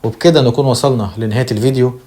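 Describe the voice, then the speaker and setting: A man with an Egyptian Arabic accent hosting a channel, giving emphatic commentary on news quotes and slowing down to stress key words. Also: medium pitch, steady tone, a little mellow. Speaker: channel host.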